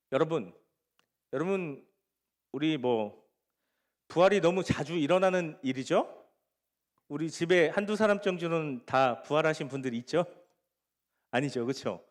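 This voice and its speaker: A male pastor preaching a sermon to a young congregation, asking them questions and acting out the scripture scenes. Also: on the high side. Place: church sanctuary. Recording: long hall reverb.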